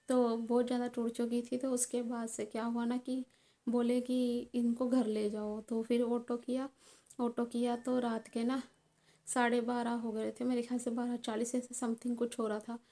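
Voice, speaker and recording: A young woman vlogger telling a personal story in an earnest, halting way, with many fillers and restarts. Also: a little high, warm tone.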